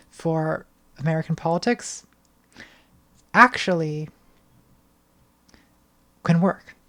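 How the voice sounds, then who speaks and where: A young woman with a low-sitting, slightly hoarse voice answers patron questions on a casual livestream from a small purple-lit bedroom, her voice getting hoarser. She's thoughtful and hesitant, with many restarts and ums, speaking into a studio mic on an arm at the front of the frame.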